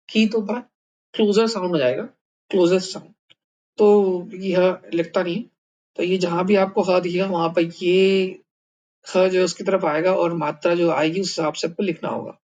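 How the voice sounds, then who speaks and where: A man's voice: high voice, flat delivery, normal speed, darkish tone, dull audio. A man from India teaching how to write words in a new alphabet, thinking aloud with fillers and restarts. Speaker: language teacher. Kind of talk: explaining a writing lesson.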